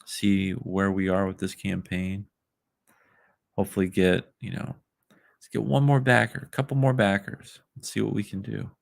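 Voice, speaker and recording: A low, gravelly-voiced man chats on a livestream whose audio is plainly poor quality, the sound dry and close. He rambles in a halting way, stopping and restarting with frequent ums. It comes across as casual, unscripted streaming. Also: flat delivery, no echo. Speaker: livestreamer promoting his crowdfunding campaign. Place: a makeshift spot away from his usual setup.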